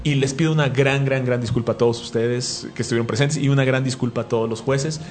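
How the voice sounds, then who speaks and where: A man, co-hosting a chat show and telling animated anecdotes with restarts and asides. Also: medium pitch, quick pace. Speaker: podcast co-host and event moderator. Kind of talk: casual storytelling chat.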